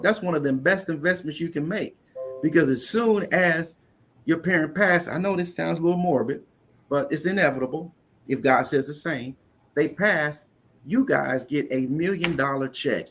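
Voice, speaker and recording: An earnest man being interviewed as an insurance investment guest explains money matters conversationally, repeating words whenever he restarts a sentence, which happens often. His pitch sits on the high side, his tone is fairly bright, and his speed is normal.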